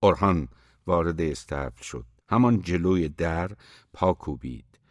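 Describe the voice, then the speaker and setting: A man reading a novel aloud as its narrator, in a measured, steady way. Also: sits low, dry recording, studio quality. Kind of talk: audiobook narration.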